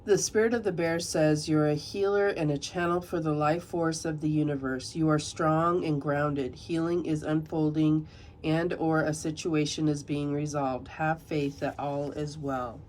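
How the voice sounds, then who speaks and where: Reading aloud from a guidebook as she lays out tarot cards, a woman speaks softly and without hurry in a low voice with fairly even intonation. A cold makes her a bit nasal, and there's slight background noise.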